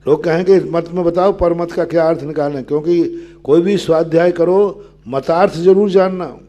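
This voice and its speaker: An older man, a Jain monk, giving a sermon that explains scripture, asking his listeners questions and answering them, with verses chanted in a low sing-song. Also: normal speed, warm tone, dull audio.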